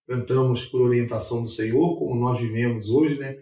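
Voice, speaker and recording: A Brazilian man, a pastor, giving a measured, formal testimony. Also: mid-range voice, steady tone, dark tone, recorded from a distance. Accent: Brazilian Portuguese. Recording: roomy sound from off the mic.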